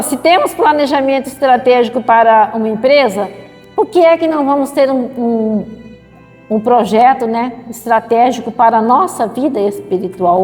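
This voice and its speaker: A middle-aged woman with a Brazilian accent giving a spiritual lecture, slow and measured, repeating phrases and adding tag questions. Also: fairly high pitch, a little mellow, big-room sound. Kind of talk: spiritual talk. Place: spiritist center hall.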